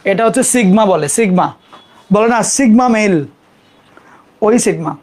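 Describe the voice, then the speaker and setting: Young teacher doing a math class, chatty and informal, spells stuff out slow so students can copy, mid pitch. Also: a little mellow. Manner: informal, repeats terms slowly for students to copy; apologizes quickly for own board mistakes. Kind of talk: live classroom math lesson.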